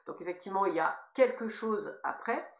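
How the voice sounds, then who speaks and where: The room rings around a woman's mid-pitched voice. She has a noticeable lisp that softens her s sounds. She talks informally as a spiritual guide, addressing listeners directly with emphatic encouragement. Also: lively intonation, fairly quick, creaky, highs cut off. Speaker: spiritual guide giving guidance messages. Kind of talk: informal spiritual guidance monologue. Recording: echoey, reverberant room sound.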